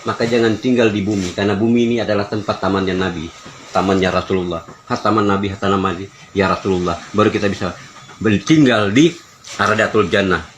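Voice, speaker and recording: A man's voice: lowish voice, fairly even intonation, fast talker. An older man giving an informal religious discourse in an emphatic, aphoristic, teacherly way. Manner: emphatic, aphoristic, didactic delivery. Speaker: spiritual teacher answering questions. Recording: noisy ambient background.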